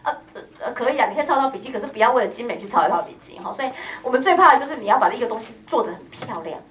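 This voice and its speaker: A woman's voice: a little high, rapid-fire, distant mic. A woman lecturing a law exam prep class in a chatty, teasing way, recorded in a classroom. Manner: chatty, teasing, lively, peppers speech with "hao" and "ha".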